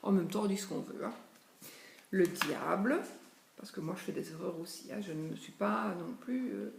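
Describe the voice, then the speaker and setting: A woman's voice: fairly low pitch, normal speed, vocal fry. Woman, chatty tarot reader, thinking aloud, roomy echo, faint background noise. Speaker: tarot reader presenting a deck. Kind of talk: casual chat while showing cards. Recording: echoey room with faint noise.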